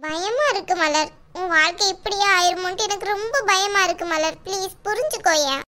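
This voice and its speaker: A woman's voice: extremely high pitch, a little fast, a crowd in the background. A woman voicing a worried young married village woman in a cartoon, pleading and scolding her sister. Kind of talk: cartoon dialogue.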